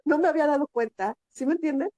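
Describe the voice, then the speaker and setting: A woman's voice: fast talker, dry recording, dull audio. A woman from Mexico with a Mexican accent, a guest telling a long personal story in an interview and acting out the voices of people in it. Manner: animated, acts out quoted voices in a higher pitch.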